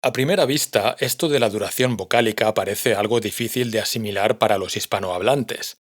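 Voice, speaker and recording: A man, patiently explaining a language lesson to learners. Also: lowish voice. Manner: patient, clear explanation, addresses learners directly. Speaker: language teacher.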